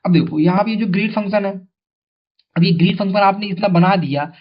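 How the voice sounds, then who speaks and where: A man's voice: sits high, a little fast. A male tutor giving an exam coaching lesson in a chatty way, asking his students questions and repeating the answers. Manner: calls viewers brother. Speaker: teacher. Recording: dull lo-fi sound.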